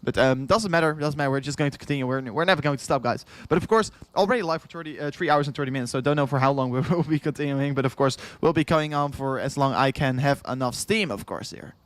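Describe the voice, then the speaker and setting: Hours into a long crypto livestream, a tired young man from the Netherlands chats casually in a Dutch-accented, mid-range voice, talking fast with few pauses. He rambles and repeats himself, laughs lightly again and again, and reads out the chat.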